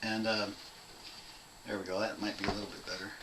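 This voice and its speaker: At home, a young man casually teaches a bass part in a video lesson, rambling, apologizing, and laughing at himself as he counts out the beats. His delivery is flat and fairly quick, and the recording is very noisy.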